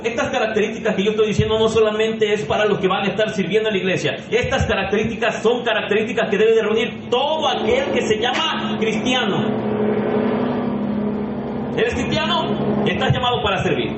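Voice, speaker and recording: High-voiced emphatic preacher in echoey church. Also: male voice, background noise. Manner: emphatic preaching, questioning the congregation directly. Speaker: pastor. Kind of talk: sermon. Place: church sanctuary.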